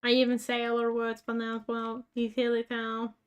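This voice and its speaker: A woman gaming YouTuber from rural Australia chats as she plays, rambling with many fillers and poking fun at herself. Her fairly high voice is clear and resonant yet completely flat, fairly quick, and the recording is muffled.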